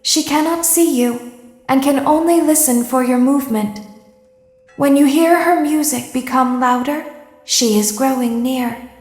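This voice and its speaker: A woman voicing an eerie female animatronic in a horror game, speaking deliberate, ominous warnings. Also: high-pitched, a little mellow. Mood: calm, ominous warning. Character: small, eerie, soft-spoken female animatronic giving warnings. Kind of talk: scripted horror game dialogue. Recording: echoey hall with long reverb. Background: faint music.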